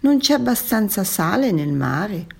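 A woman voicing a protective tuna in a children's story, speaking firmly and loudly. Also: mid-range voice, sing-song, measured pace, gravelly, slightly rough, pitched above the performer's own voice, exaggerated voice. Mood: gentle. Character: kind, friendly big tuna.

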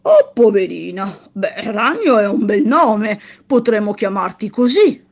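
A woman's voice: mid-range voice, big pitch swings, unhurried, lo-fi sound. A woman voicing a polite, kindly spider who sympathizes with the fairy.

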